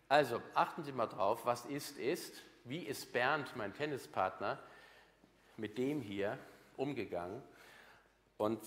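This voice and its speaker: A man giving a lively motivational seminar talk to an audience, emphatic, blunt and repetitive. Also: mid-range voice. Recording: long hall reverb.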